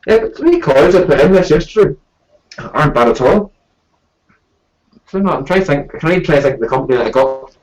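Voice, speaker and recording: A man's voice: on the high side, big pitch swings, a little fast, long pauses, a little mellow, poor audio. A man hosting a live stream and reviewing products in casual, chatty talk.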